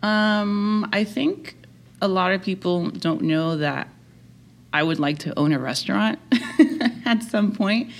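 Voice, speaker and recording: A woman's voice: mid-range voice, takes it slowly, vocal fry. A woman from Miami, a podcast guest chatting casually and laughing easily. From Miami, United States. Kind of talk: casual interview chat.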